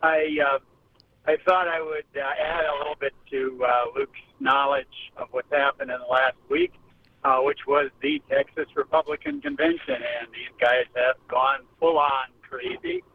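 A man's voice: mid-range voice, sing-song, normal speed, background noise. A man calling in to a radio talk show, rambling with lots of fillers about political news. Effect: phone line. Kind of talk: call-in political comment. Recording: tinny distant phone line.

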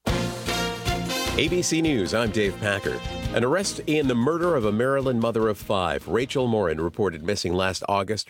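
An American man anchors a radio news bulletin with a fairly low voice. His delivery is clipped and formal, in a very dry studio sound. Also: no echo.

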